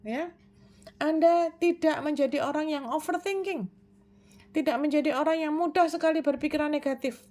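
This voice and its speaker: Speaking in a mellow, high-pitched voice, this woman walks her audience through tips for bettering themselves. Her delivery is calm and explanatory; she often hesitates with fillers and answers the questions she raises herself.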